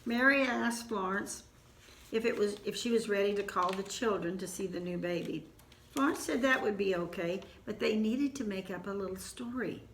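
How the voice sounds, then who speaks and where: An older woman with an Ozark accent telling a family story in an unhurried, homespun way, with asides. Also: mid-range voice, reverberant, a little hiss or hum.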